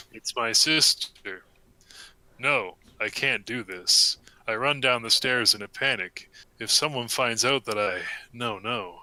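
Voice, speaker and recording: A young man reading a comic story aloud to friends in a deadpan way, with a close mic. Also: medium pitch, dry recording, rough recording. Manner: deadpan reading, breaking into laughter.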